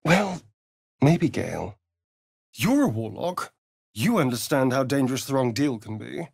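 Astarion, a theatrical, drawling British vampire. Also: male voice, mid-range voice, big pitch swings, a little slow, vocal fry, a little mellow, breathy edge, exaggerated voice. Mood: arch, wry. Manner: arch, drawling, theatrical, mocking. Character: sardonic, flirtatious, vain elegant vampire rogue man. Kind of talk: theatrical fantasy video game voice acting.

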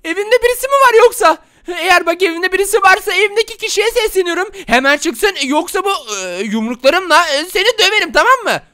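A man doing a shrill, jumpy, whiny uncle. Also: expressive, bright, forceful tone, exaggerated voice. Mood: grumbling, puzzled. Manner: shrieking, whiny, quick to panic. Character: excitable clumsy adult man, easily scared. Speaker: game video host. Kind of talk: Minecraft role-play voice acting.

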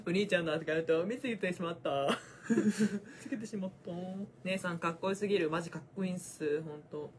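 A woman's voice: on the low side, brisk, darkish tone, slight background noise. A young woman with a Kansai accent, chatting and teasing on a casual phone livestream, laughing often. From Osaka, Japan. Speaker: volleyball player on a fan livestream.

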